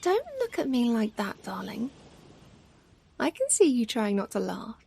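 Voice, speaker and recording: Heavily acted and a little slow, this gravelly, somewhat high voice belongs to an ASMR performer cast as a tender, doting mother soothing her pet and joking at her own expense. She keeps things playful and cosy, murmuring softly and affectionately, sometimes nearly whispering. The recording has a steady ocean-wave ambience behind it.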